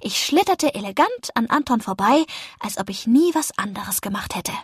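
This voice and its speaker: High-voiced woman reading a children's story. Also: moderate pace, husky, no echo, clean studio sound. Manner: lively storytelling, first-person child narrator. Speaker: narrator. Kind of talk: audiobook narration of a children's story.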